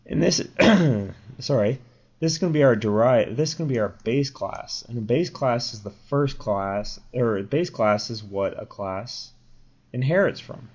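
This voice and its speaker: A young man with a sore throat hosts a rambling screen-recorded coding tutorial, speaking casually at a measured pace. His mid-range voice is husky, darkish, animated and a little crackly, with fillers and self-corrections throughout, and the lo-fi mic is dull.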